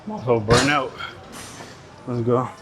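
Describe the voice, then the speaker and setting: In a busy indoor gym with chatter behind him, a man from Nigeria speaks unhurriedly at a medium pitch with fairly even intonation. This fitness vlogger uses English as a second language, with a Nigerian accent, joking slangily and now and then profanely to the camera mid-workout, recorded through a clip-on body mic over a noisy background.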